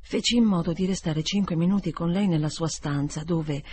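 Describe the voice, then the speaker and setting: Woman reading a classic novel aloud, breathy, steady and expressive. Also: on the low side, moderate pace. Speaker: audiobook reader. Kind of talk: literary audiobook narration.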